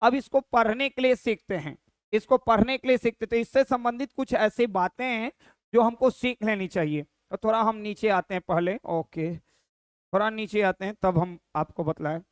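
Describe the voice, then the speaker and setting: A male Sanskrit teacher talks through a screen-recorded lesson. He says each form twice and keeps asking the viewer what it reads as. His voice is smooth and clear, recorded dry and close. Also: high voice, normal speed, no echo.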